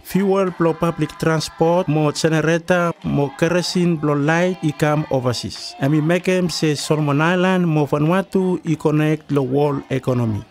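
A man's voice: fairly high pitch, moderate pace, hardly any pauses. A man with a Melanesian Pidgin accent reads scripted documentary narration in island pidgin. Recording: voice-over with music behind. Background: music.

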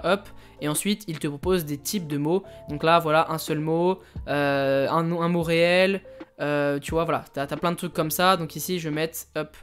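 A man hosting a casual screen-share tutorial, talking to the viewer informally and often pausing to hesitate. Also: high voice. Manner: chatty, addresses viewer informally, frequent hesitations. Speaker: online money-making channel host.

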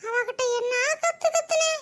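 A woman's voice: very high-pitched, moderate pace, slight background noise. A woman voicing a boastful, gossipy village woman who scolds and wails, with a Tirunelveli Tamil accent. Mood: scolding gossip. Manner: scolding, sharp-tongued, dramatic wailing.

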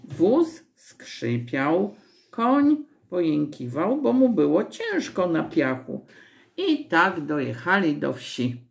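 Slow, lively-voiced woman reading a story. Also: sits low, creaky. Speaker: children's story reader. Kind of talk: reading a children's story aloud.

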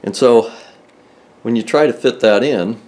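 An older man with a medium-pitched, slightly mellow voice explains a tool at a measured pace, speaking plainly and methodically and often restarting mid-sentence. He hosts a car restoration video and gives a hands-on tool demonstration, recorded from inside a car in a garage.

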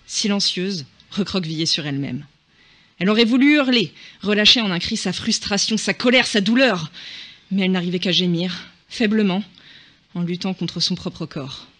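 A man narrating a short story in a soft, hushed, measured way. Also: high-pitched. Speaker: reader.

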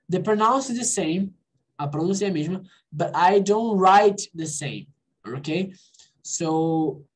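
A woman's voice: mid-range voice, a little mellow. A Brazilian woman teaching an online English class, switching between Portuguese and English and checking understanding with frequent "alright?" and "ok?".

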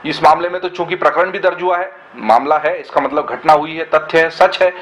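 A man's voice: a little high, fairly even intonation, brisk, a bit bright, poor audio. A man giving earnest, argumentative commentary in a web discussion, often asking rhetorical questions.

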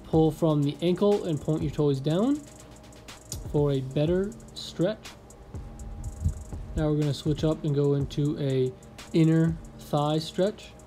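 Young man, casual vlogger, relaxed and joking, small apartment, mellow tone. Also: fairly high pitch, takes it slowly, long pauses, soft background music. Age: young adult. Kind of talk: casual vlog and stretching instruction. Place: small apartment room, indoors.

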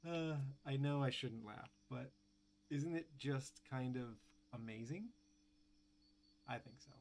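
A man with a voice of middling pitch talks casually over a video game, chatty and a little sarcastic, dropping plenty of ums and uhs. The faint hum of game noise sits behind his voice. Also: slow pace, darkish tone. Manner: chatty and wry, with frequent fillers and sarcastic asides. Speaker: gaming channel host. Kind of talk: casual gameplay commentary.

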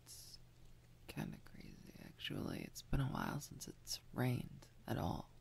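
A half-asleep man talking softly to his partner in an ASMR roleplay, often dropping to a whisper. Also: medium pitch, huge pitch swings, unhurried, gravelly. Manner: soft, sleepy, often whispered. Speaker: boyfriend roleplay speaker.

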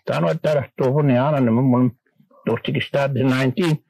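An older man from Manitoba, Canada, a guest on a radio interview, recalling old times in a rambling, halting way with many restarts. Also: medium pitch, fairly even intonation, gravelly, mellow, dry recording, low-quality recording.

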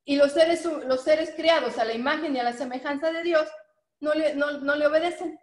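A woman's voice: high-pitched, moderate pace, roomy sound. A woman teaching a Bible lesson, reading verses with emphasis and asking listeners to follow along. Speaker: preacher.

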